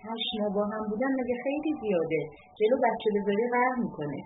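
A worried middle-aged mother speaks slowly and deliberately, picking her words, played by a woman narrator. The voice moves expressively, and the thin, phone-like sound carries music underneath. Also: on the high side, expressive, noisy background, voice pushed up, natural voice. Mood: careful. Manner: measured, choosing words carefully. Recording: tinny lo-fi audiobook with music.

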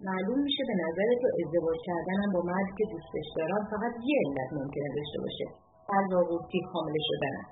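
A woman voicing an upset, indignant young woman in a read-aloud story, with high, shrill protests. The recording is tinny, with music behind. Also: lively intonation, echoey room, noisy background, lightly acted.

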